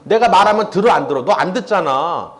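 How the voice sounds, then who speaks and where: Man playing a blunt prophet, curt, offhand, weary, lively swinging pitch. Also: brisk. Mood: grumbling.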